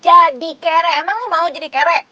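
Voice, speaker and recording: A woman's voice: very high voice, normal speed, pushed and bright, dull audio. A woman playing a bossy, whiny, money-hungry schemer with a Jakarta accent in a TV comedy-drama. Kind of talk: scripted TV comedy-drama acting.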